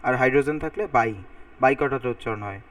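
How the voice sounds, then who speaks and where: Talking fast in a mid-range voice, a man explains formulas in a recorded chemistry lecture with no room sound, positioned a little way from the mic. He writes on a board while thinking out loud and repeats word endings so the sounds stick.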